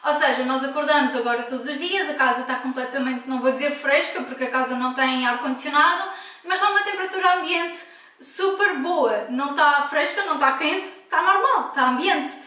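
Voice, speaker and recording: Recorded at a distance in an echoey home room, this vlogger from Portugal talks in a blunt, emphatic way with occasional self-corrections. She has a European Portuguese accent and a high, bright, forceful voice at a fairly quick pace.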